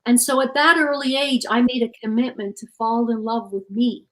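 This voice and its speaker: A woman's voice: fairly high pitch, fairly even intonation, moderate pace, fairly bright tone, poor audio. A middle-aged woman, an author being interviewed, speaking in an earnest, reflective storytelling way. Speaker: author and guest. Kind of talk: interview conversation.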